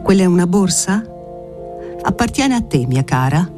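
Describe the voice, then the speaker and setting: A man's voice: high voice, very animated, moderate pace, music in the background. A man reading an audiobook voices an awkward, kindly older guardian who fusses gallantly with dry humour. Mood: fussing.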